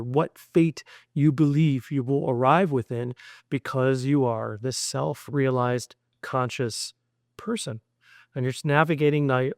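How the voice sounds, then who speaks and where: A man speaking to his son in a heartfelt mindset lesson. He is earnest and long-winded, stringing thoughts together with "and," and gently encourages the boy. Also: a little high, no room sound, studio quality. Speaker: father addressing his son.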